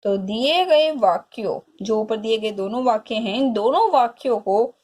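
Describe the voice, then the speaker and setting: Woman teacher, kinda high voice, goes over each line again and again so the kids can copy it down. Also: expressive, a little mellow. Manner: repeats definitions slowly for dictation, addresses pupils directly. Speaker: school teacher. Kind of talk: explanatory classroom lesson.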